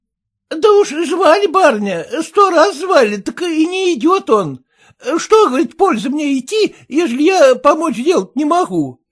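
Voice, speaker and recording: A woman's voice: sits high, big pitch swings, a little slow. A man reading a story aloud, voicing an anxious young housemaid with a pleading, defensive manner. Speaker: character in a read story.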